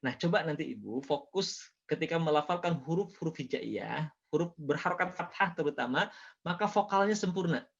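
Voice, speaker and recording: A man's voice: fairly high pitch, husky, highs cut off. Patient man teaching Quran recitation. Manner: patient, corrects by drawing out and repeating sounds. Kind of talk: online recitation lesson. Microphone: video call.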